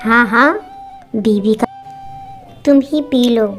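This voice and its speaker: A woman voicing a sharp-tongued mother-in-law who shouts and taunts sarcastically. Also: fairly high pitch, takes it slowly, soft background music. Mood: angry scolding.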